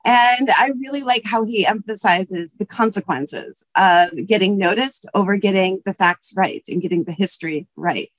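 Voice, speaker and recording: A history professor and panelist delivers prepared remarks over a webcam video call from an office lined with bookshelves. Her mid-range voice is scratchy from allergies, and she speaks earnestly at a moderate pace with hardly any pauses, often using um and uh fillers. There is no room sound.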